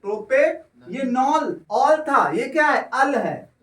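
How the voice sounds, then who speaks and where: High-voiced male teacher, echoey classroom. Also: sing-song, slow, a bit bright. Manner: keeps asking if students understand, draws out words. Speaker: chemistry teacher. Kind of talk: classroom lecture. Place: classroom with students. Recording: echoey room, voice from far off.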